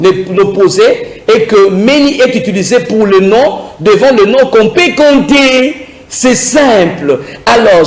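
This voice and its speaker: A man teaching English to beginners on a TV show, drilling words slowly and cheering his students on. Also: high-pitched, echoey room, low-quality recording. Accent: French-speaking African. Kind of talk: beginner English lesson on TV with phone-ins.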